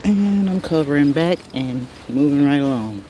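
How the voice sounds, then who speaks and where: Filming her garden livestream outdoors on a handheld phone, this American woman chats in a folksy way and frequently mutters to herself and her plants. Her voice is deep and dark with lively intonation at a moderate pace, and the audio is poor, with slight background noise.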